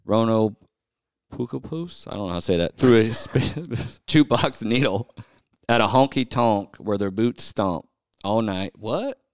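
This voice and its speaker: A man's voice: on the low side, expressive, a little slow, a little mellow, smooth, dry recording, clean studio sound. A man co-hosting a casual podcast, read-singing country song lyrics for laughs. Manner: reads song lyrics in a half-sung, joking way. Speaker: podcast co-host.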